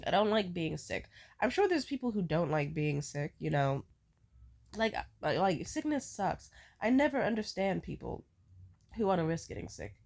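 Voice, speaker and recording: Woman, sick, nasally congested, casual rambling storytelling, animated, dramatic complaints, lots of swearing. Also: lowish voice, normal speed, vocal fry. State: sick with a cold, congested nose. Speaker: vlogger.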